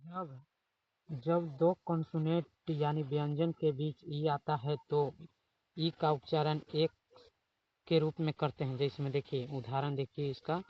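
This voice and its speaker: A man's voice: a little high, steady tone, unhurried, lo-fi sound. A man teaching an online spoken English class, repeating his prompts often and spelling example words letter by letter. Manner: repetitive, keeps saying "dekhiye" and "theek hai".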